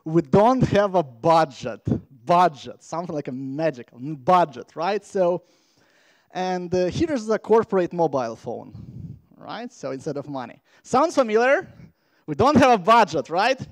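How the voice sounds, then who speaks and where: A man from Latvia giving a playful, energetic conference talk from a stage microphone. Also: high-pitched, unhurried, dry recording. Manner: energetic, playful, engages the crowd. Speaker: conference speaker.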